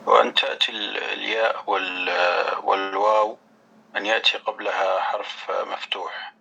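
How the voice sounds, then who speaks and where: A man's voice: lowish voice, little pitch movement, normal speed, vocal fry, bright, forceful tone, lo-fi sound, a little hiss or hum. A male student, hesitant and asking follow-up questions.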